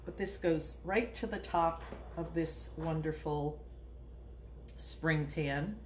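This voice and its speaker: Speaking slowly in a low voice, this home cooking video host, a woman in her sixties, gives a relaxed demonstration in her own kitchen, rambling chattily and laughing a lot. Her phone sits nearby to record, capturing kitchen echo and background noise.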